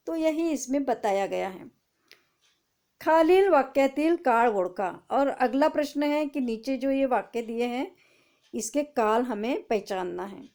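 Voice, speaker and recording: Mellow-voiced woman teaching a class. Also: a little high. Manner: explains in Hindi, reads Marathi sentences aloud slowly, asks and answers own questions. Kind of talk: online class explanation.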